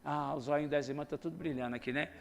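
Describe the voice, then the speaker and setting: A man preaching a sermon in a conversational way, moving between soft asides and loud exhortation. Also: a little high, steady tone, quick pace, creaky.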